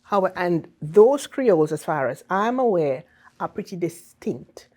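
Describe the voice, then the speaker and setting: A woman's voice: on the low side, expressive, measured pace, warm tone. A woman from Saint Vincent and the Grenadines with a Vincentian accent, explaining things in an interview in an emphatic, teacherly way with frequent checking tags. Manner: teacherly, emphatic, often checks with "okay?" and "right?". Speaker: ambassador being interviewed.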